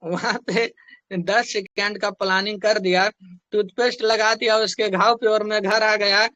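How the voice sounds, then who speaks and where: A man's voice: high-pitched, flat delivery, a little slow, sharp tone, dry recording. A young man telling a motivational story from his sales work in a chatty way, repeating phrases for emphasis. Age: young adult. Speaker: network marketing distributor.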